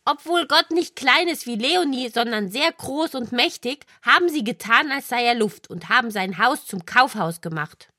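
A woman's voice: on the high side, animated, moderate pace, hardly any pauses, bright, forceful tone, dry recording, clean studio sound. A woman voicing a hot-tempered young boy worm in a children's audio drama, talking earnestly. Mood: thoughtful.

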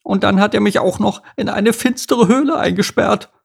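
A man's voice: normal speed, gravelly, slightly rough, heavily acted. A man voicing a small blue tit with a heavy cold in a storybook reading, nasal and sneezing, crying out warnings. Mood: frantic. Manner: shrill warning cries. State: sneezing, stuffed up.

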